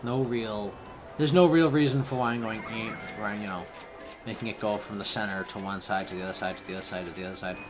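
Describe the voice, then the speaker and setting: A man's voice: lowish voice, steady tone, fast, music in the background. Young man rambling through gameplay commentary. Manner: rambling, thinking aloud, trailing off. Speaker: let's play gamer.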